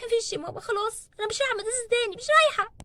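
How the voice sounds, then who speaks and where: A woman's voice: very high voice, rapid-fire. A woman voicing a tearful bullied schoolgirl. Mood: sobbing, pleading. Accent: Egyptian Arabic. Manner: whimpering, pleading, near tears. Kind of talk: doll story role-play.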